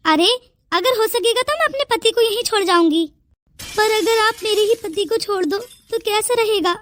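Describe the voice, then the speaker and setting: A woman voicing the family of a cartoon story in quick, bickering domestic chatter. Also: very high-pitched, fairly bright tone, no echo. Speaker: narrator voicing all family roles. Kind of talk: cartoon voice acting.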